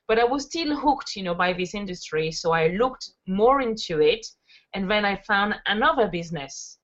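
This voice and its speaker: A woman from France in her thirties, working as a network marketer, chats as an interview guest and tells stories with frequent fillers. She has a medium-pitched, slightly bright voice, and the audio is dull and lo-fi.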